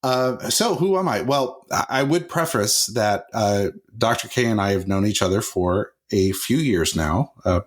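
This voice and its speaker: A man's voice: lowish voice, lively intonation, measured pace, few pauses. A middle-aged man, co-hosting a show and talking casually in a conversational way. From Mississippi, US South. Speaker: podcast co-host.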